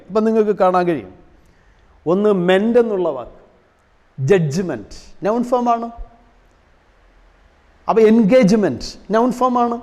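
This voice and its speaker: A man's voice: sits high, a little mellow. A male teacher giving a classroom lesson, asking rhetorical questions and slipping English terms into his explanations. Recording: long hall reverb.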